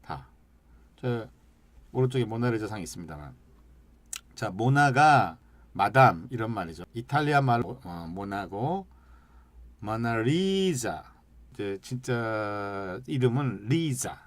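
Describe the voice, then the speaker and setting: Lecturing with examples on slides, a man teaches English in a lowish, animated voice with no room sound. He draws out sounds and syllables slowly to demonstrate, posing questions to the class that he answers himself.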